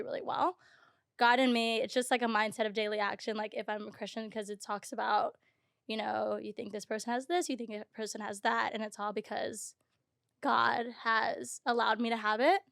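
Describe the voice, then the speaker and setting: Twenty-something woman chatting on a podcast, kinda high voice, close dry mic. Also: creaky, a bit bright, smooth, dry recording. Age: 20s. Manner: chatty, laughs often, says "um" and "like". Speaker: podcast guest. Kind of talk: casual chat.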